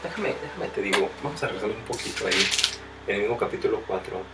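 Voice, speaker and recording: A man preaching a sermon with a strained throat, addressing the listener directly as brother and rising to loud, emphatic passages. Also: fairly low pitch, expressive, quick pace. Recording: distant mic with faint music.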